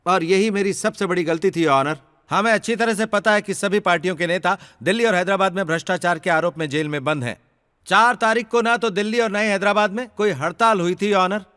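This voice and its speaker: A man's voice: high voice, brisk, bright, forceful tone, clear, resonant tone. A man dubbing an earnest young businessman who argues his own case in court in a film. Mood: indignant. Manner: indignant, talks at length to the judge. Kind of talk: Hindi film dub.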